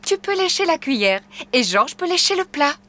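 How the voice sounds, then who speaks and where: Lively, high-pitched cartoon mother pig. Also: normal speed, slight background noise, exaggerated voice. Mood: cheerful, encouraging. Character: kind, playful mother pig, gently encouraging. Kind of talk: children's cartoon dubbing. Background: music.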